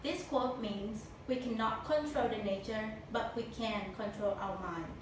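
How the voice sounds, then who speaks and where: A woman's voice: on the high side, a little slow. Echoey, stiffly recited young Thai-accented woman. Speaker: speech contestant. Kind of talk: memorized competition speech. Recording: very echoey room, distant mic, noisy.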